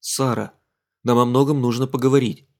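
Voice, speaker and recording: A man's voice: mid-range voice, fairly even intonation, normal speed, natural voice. An earnest, blunt young sea captain, voiced by a male audiobook reader. His voice stays in a plain middle register, close to the narrator's own.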